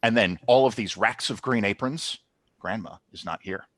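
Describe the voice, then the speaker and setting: A man running a tabletop game as game master over a video call, narrating with lively storytelling and calling for checks. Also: lowish voice, normal speed, dry recording. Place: home.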